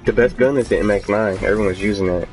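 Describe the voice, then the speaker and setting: A man's voice: fairly low pitch, fast, soft background music, poor audio. A man streaming a shooter game, chatting casually with teammates over a headset and laughing often. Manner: excitable, laughs often, talks over gameplay. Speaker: streamer and gamer. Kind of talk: casual gaming commentary with party chat.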